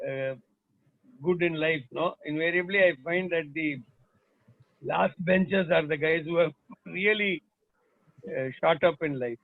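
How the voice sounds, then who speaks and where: A man's voice: a little high, unhurried, long pauses, no echo. A man with an Indian accent making casual remarks on a group call. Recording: thin, phone-like call audio.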